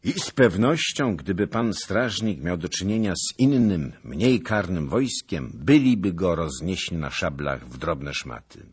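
A deep-voiced man narrates a historical novel in a slow, husky, theatrical way. His pitch rises and falls freely, lending drama to every sentence. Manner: expressive, theatrical. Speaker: audiobook narrator.

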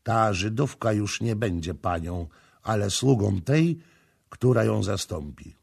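A man voicing a young prince who gives cold, measured orders in an audiobook. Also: fairly low pitch, expressive, gravelly, darkish tone, husky, exaggerated voice. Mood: cold commanding. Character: young male prince, commanding and coldly vengeful. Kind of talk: audiobook character reading.

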